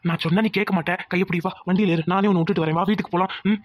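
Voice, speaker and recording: A young husband, played by a man in a village cartoon, firm but caring. He talks fast and reassuringly. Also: high voice, fairly even intonation, no echo, close to an everyday voice.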